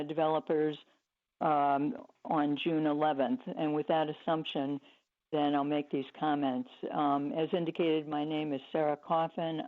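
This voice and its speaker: A woman speaking over the phone as a public commenter at a board meeting, measured and reading prepared remarks. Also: low-pitched. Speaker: public commenter, church council chair. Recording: tinny phone line.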